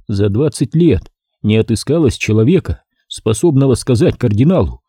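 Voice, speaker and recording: Dark, husky male audiobook narrator. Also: medium pitch, expressive, moderate pace, no room sound. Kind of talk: first-person audiobook narration. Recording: dry close-miked studio sound.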